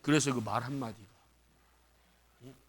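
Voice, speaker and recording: A man's voice: mid-range voice, normal speed, breathy edge. A male pastor preaching a sermon in a church, questioning the congregation and calling for responses. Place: church sanctuary.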